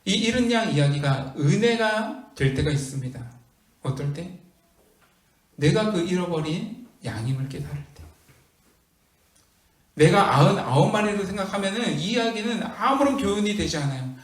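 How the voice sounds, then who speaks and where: A man's voice: high voice, expressive, normal speed, roomy sound, recorded from a distance. A man pastor preaching a sermon, with emphatic storytelling and rhetorical questions. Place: church hall.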